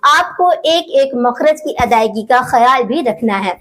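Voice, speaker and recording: A woman's voice: on the high side, animated, a bit bright. A woman, teaching how to recite prayers and carefully drawing out each sound to demonstrate it. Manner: careful, drawn-out demonstration of pronunciation. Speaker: religious teacher. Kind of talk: instructional talk on prayer recitation.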